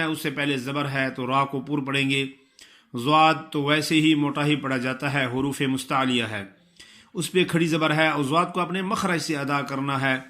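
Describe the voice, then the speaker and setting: Man, tajweed teacher, very bright voice, slightly high, explains then chants verses slowly. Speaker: Quran recitation teacher. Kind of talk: tajweed lesson with chanted recitation.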